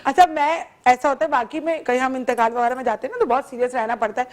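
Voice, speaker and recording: Woman host, high voice, animated storyteller who laughs a lot. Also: fast. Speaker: morning show host. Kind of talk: casual studio chat.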